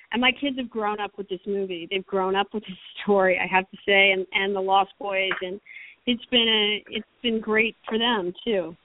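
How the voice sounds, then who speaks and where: A woman's voice: medium pitch, dry recording. A middle-aged American woman, a screenwriter guest on the phone, talking passionately and rambling with many restarts. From United States. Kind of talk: phone-in interview. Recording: tinny phone line.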